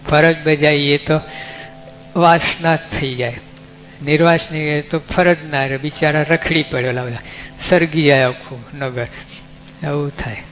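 Slow-speaking Gujarati monk, lo-fi. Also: male voice, on the high side, fairly even intonation, fairly bright tone. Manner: folksy, conversational, asks the listeners questions. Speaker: monk giving a discourse. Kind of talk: sermon. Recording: dull lo-fi recording with faint music.

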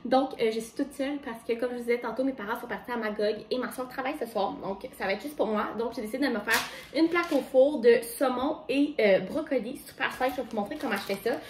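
Talking fast in a rather high, darkish voice, this young Québécoise vlogger casually narrates her day and a simple recipe straight to her audience, relaxed and chatty. The camera sits on a tripod, and the room is reverberant with slight background noise.

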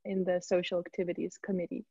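Young student, considered and calm, lower pitch, muffled dry call audio. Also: female voice, fast, breathy edge, no room sound. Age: young adult. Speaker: second-year student. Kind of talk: casual video call chat. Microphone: earbuds on a video call.

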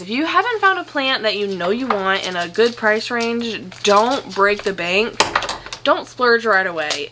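A young woman at home chatting casually through an unboxing, gushing and excitable, swearing now and then. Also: medium pitch, background noise. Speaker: plant vlogger.

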